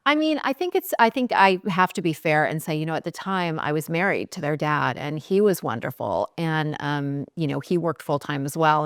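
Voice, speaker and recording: A chatty woman in her forties from California, with a low, smooth voice. She talks casually as an interview guest and laughs easily. The sound is dry and close. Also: no room sound. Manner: chatty, laughing, many fillers. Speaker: guest, skincare founder.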